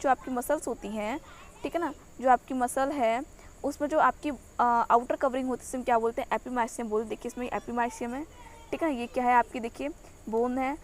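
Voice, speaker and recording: Young woman teacher, high voice, going over a diagram, asks herself questions and answers them, reads book lines slow, faint hiss. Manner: repeats a steady filler tag and asks rhetorical questions before each answer; mixes in English phrases and reads textbook sentences slowly. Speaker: biology teacher. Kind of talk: classroom lecture explaining a diagram.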